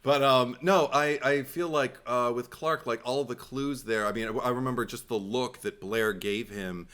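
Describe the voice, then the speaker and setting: A man co-hosting a podcast, chatting casually about a film and quick to agree and laugh. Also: mid-range voice, steady tone, fairly bright tone. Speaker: podcast co-host.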